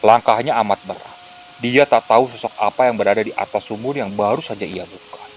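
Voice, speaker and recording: Low-voiced male horror storyteller. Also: fairly quick, slight background noise. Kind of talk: scripted horror narration.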